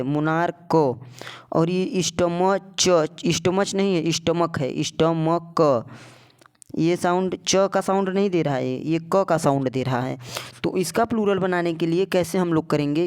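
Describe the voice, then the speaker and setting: A man's voice: high voice, darkish tone, clean tone. A man teaching a lesson as a tutor, repeating words and asking rhetorical either-or questions. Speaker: English tutor. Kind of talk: explanatory lesson.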